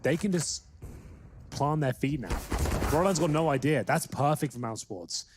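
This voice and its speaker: A man's voice: fairly high pitch, expressive, normal speed. A man giving live esports commentary as a caster. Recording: clear game noise with gunfire.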